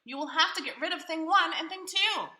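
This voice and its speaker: Woman voicing an anxious, high-pitched storybook fish. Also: animated, fairly quick, pushed and bright, reverberant, heavily acted. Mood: frightened, urgent. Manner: urgent, alarmed, exclamatory. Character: anxious scolding pet fish in a children's storybook.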